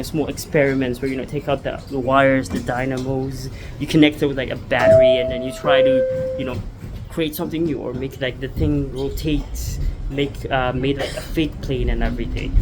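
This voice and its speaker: A man's voice: medium pitch, very noisy. A man in his twenties, from Ethiopia, talking casually to camera in a vlog and rambling with lots of fillers and restarts as he moves around the city. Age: 20s. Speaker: startup founder vlogger. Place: New York City, walking around and at the gym. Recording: background music under voice.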